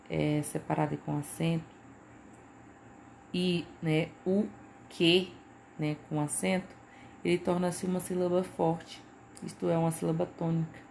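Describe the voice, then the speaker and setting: A woman's voice: lowish voice, creaky, warm tone, a little hiss or hum. A Brazilian woman teacher giving a recorded lesson, talking patiently and checking in with listeners as she goes. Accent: Brazilian Portuguese. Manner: patient, repeats points with frequent "né" and "tá".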